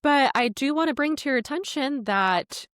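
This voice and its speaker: A woman's voice: high voice, moderate pace, dry recording, studio quality. A woman co-hosting a podcast, telling a workplace story in casual chat and acting out the people in it. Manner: animated, quotes people with laughs. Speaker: podcast co-host.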